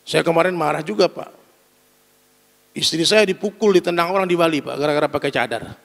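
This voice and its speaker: A man preaching a sermon to a gathering, emphatic and animated, often addressing his listeners directly as he drives his points home. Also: fairly high pitch, brisk, vocal fry. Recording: long hall reverb.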